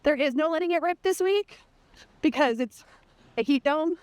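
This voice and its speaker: High-pitched woman chatting while running. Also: normal speed, no room sound. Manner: talking while running in the heat; playful, candid, swears casually. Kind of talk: casual chat while running.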